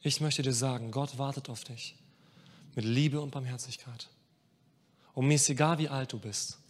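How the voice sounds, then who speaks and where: A man preaching a sermon with passion, speaking straight to his listeners and moving between hushed and emphatic delivery. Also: mid-range voice, fairly even intonation, moderate pace. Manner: addresses listeners directly. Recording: long reverb of a large hall.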